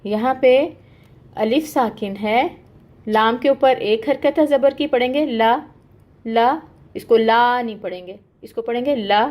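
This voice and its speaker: A woman with a fairly high, slightly mellow voice teaches Quran recitation online at a somewhat slow pace. She patiently breaks things into steps, uses "okay" to check in, and draws out the sounds she demonstrates.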